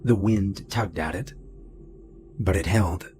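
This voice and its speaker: A middle-aged man narrating a first-person horror story in a low, steady, deliberate way. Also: a little hiss or hum. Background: faint music.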